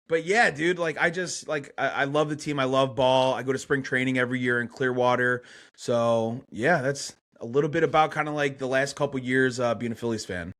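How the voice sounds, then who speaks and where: A man's voice: mid-range voice, a bit bright. Young man from Chicago, podcast guest, easygoing, rambling with fillers. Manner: laid-back, rambling with many fillers. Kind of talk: casual podcast interview.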